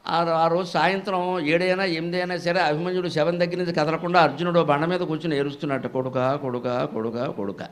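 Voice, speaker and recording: An older man delivers a devotional discourse, his voice sitting a little high. He tells stories with lively, acted-out dialogue. At times he slows into long, sung verses. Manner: bursts into slow sung verse recitation; animated storytelling with acted-out dialogue. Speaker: Telugu discourse speaker.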